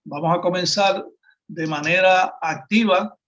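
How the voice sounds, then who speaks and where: A man's voice: sits high, a little slow, fairly bright tone. A man with a Puerto Rican accent hosting a political discussion, agreeing with the guest and speaking formally for his group. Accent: Puerto Rican Spanish. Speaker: host. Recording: dull lo-fi sound.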